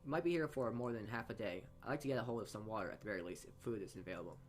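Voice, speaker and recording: A man reads a visual novel aloud in informal narration, frequently stumbling and backing up over his words. His voice is fairly low and his delivery rapid-fire.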